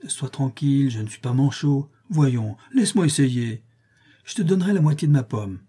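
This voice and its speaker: A man's voice: medium pitch, animated, normal speed, breathy edge. A man voicing an eager young boy who pretends to be a steamboat, calling out commands and bell sounds in an audiobook reading. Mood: teasing, pleading. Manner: shouted commands and bell noises.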